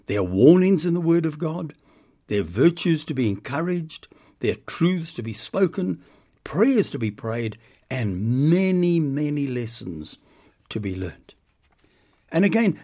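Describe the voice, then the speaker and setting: A man's voice: medium pitch, darkish tone, husky. An older man giving an earnest, emphatic devotional sermon on a podcast, lingering on key words. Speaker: podcast preacher.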